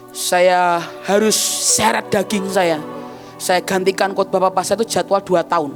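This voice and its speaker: A woman pastor preaching a sermon as animated storytelling, often calling her listeners "saudara" and swinging between loud outbursts and quiet, somber stretches. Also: medium pitch. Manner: bursts into shouts and laughs, then drops quiet and somber.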